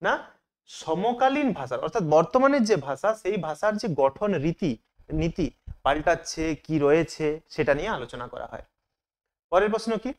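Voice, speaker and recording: A man's voice: a little high, sing-song, moderate pace. A man teaching as he works through exam questions, asking each question aloud and then answering it himself. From Bengal.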